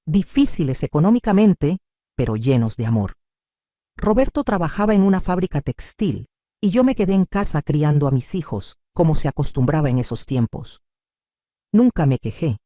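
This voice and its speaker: A woman's voice: deep voice, warm tone, no room sound, studio quality. A woman reading a scripted first-person drama story in an emphatic, dramatic storytelling manner.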